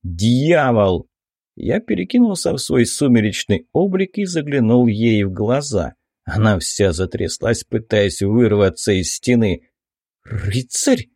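Guy reading a story out loud, lively tone, dry close mic. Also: on the low side, normal speed, no echo. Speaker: audiobook narrator. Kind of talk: first-person fiction narration.

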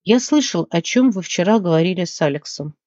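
A woman's voice: on the low side, animated, fairly quick, a little mellow, no room sound. A woman reading an audiobook and voicing a small, whiny, greedy male gnome who wails and sulks. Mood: pleading. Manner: wailing, sulky and pleading. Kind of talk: audiobook character voice. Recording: dull, dry lo-fi recording.

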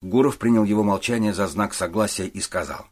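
A man narrating a detective story audiobook in a steady reading voice. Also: on the low side, fairly quick. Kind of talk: scripted narration.

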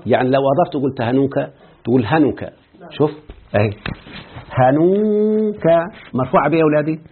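A man's voice: mid-range voice, very fast, slight background noise. A man with an Egyptian accent, a sheikh explaining an Arabic grammar text and quizzing his students as he goes. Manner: quizzing students with repeated checks. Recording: tinny phone-like line.

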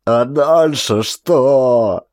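A panicked young soldier shrieks and wails in a high, strained voice, as a male audiobook narrator puts him on. The lines stretch out into slow, tearful howls, and the recording is dry and close. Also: pushed and bright, dry recording. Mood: panicky wailing. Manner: wailing, shrill and drawn out. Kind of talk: audiobook character voice.

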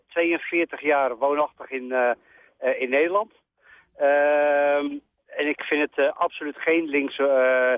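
A man's voice: fairly high pitch, no room sound. Hesitant middle-aged man on a phone line. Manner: very hesitant, filled with long pauses and "eh"s. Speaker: radio call-in caller. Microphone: telephone. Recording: narrow tinny phone line.

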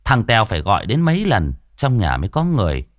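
A man narrating an audiobook story in an expressive, colloquial way. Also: on the low side, quick pace, no room sound, studio quality.

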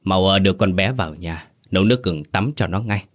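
A man's voice: sits low, fairly quick, close to an everyday voice. An urgent old villager, read by a man. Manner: urgent, commanding. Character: elderly villager giving urgent advice.

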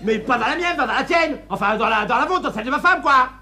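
Farce lead: jealous hothead, sputtering, lively pitch, audience laughs. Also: male voice, quick pace, a crowd in the background. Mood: outraged. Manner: sputtering, flustered outbursts. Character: indignant, jealous man losing his temper. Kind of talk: filmed stage farce acting.

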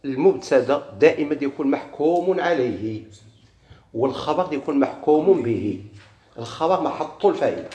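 A man's voice: a little high, animated, moderate pace, warm tone. A man with a Moroccan Arabic accent teaching a grammar lesson, asking questions and answering them himself, repeating key words. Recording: echoey room with faint noise.

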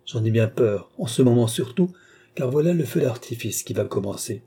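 A calm young nobleman, measured and patient, as a male narrator puts him on. The voice is dark and mellow with a husky edge. It sounds like a storybook reading. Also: mid-range voice.

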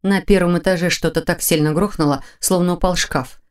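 Female narrator for a mystery audiobook, low-pitched, steady and measured. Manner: even, measured storytelling. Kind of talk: scripted narration.

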